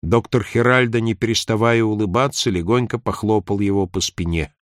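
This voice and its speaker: A man narrating an audiobook in a measured, even reading on a close mic. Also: on the low side, no echo. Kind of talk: scripted narration.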